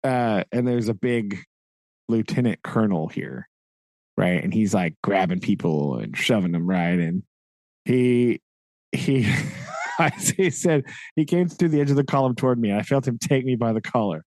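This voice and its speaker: A podcast co-host with a lowish, slightly mellow voice casually retells a novel's events, often checking in with "right?" and laughing now and then. His intonation is lively, his pace moderate, and the recording has no room sound.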